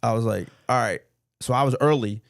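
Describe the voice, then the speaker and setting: A man's voice: mid-range voice, fairly quick, vocal fry, no room sound, studio quality. A man telling a story on a podcast in casual chat, acting out quotes and laughing often. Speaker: podcast co-host.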